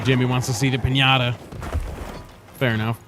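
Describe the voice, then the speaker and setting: A man's voice: medium pitch, level tone, normal speed. A man streaming a game, chatting casually, laughing often and reacting to chat. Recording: game music in the background.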